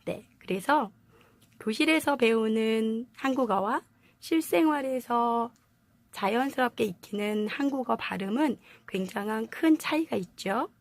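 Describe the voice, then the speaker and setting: A woman's voice: on the high side, expressive, unhurried, dry recording. A woman teaching language pronunciation in a video lesson, explaining patiently and asking her viewers rhetorical questions.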